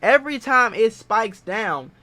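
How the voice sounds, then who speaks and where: A man's voice: high voice, sing-song, measured pace, bright, forceful tone. A man hosting a casual investing explainer, talking in an emphatic, repetitive and self-assured way. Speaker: finance video host.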